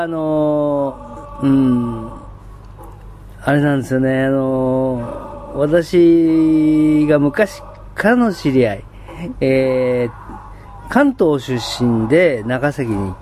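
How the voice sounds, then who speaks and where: A man's voice: mid-range voice, darkish tone, a little hiss or hum. A man chatting on his own in standard Japanese, enthusiastic, with many fillers and frequent laughs. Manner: enthusiastic storytelling. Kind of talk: casual solo chat.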